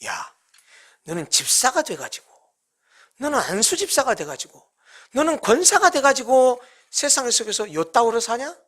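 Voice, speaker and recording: Sneering, taunting Satan as a preacher voices him in a sermon, bright and lively. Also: mid-range voice, normal speed, voice pushed up. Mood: mocking. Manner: mocking, taunting. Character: sneering Satan scolding a churchgoer.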